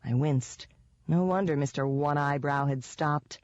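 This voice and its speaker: A woman's voice: deep voice, unhurried, a little mellow, no room sound. Wry, sardonic woman narrator, first-person audiobook, dry and dull-sounding mic.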